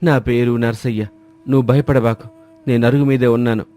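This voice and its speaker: Storybook role: gentle old countryman, soothing and reassuring, warm dark tone, a man doing him. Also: medium pitch, fairly even intonation, fairly quick, close to an everyday voice. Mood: calm.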